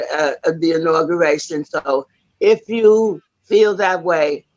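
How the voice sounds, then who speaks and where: A woman in her eighties giving an earnest acceptance speech over a video call, halting often with fillers and restarts. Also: low-pitched, muffled recording. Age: 80s. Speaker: award honoree.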